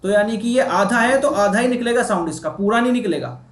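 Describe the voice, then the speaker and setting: A man's voice: high-pitched, a little fast, echoey room. A man teaching a diction class on a video call, explaining patiently step by step and repeating himself. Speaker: acting teacher.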